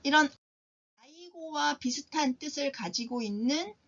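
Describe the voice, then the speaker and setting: A woman teaching a language lesson, explaining calmly and acting out sample exclamations with lively emphasis. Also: sits high, measured pace, highs cut off.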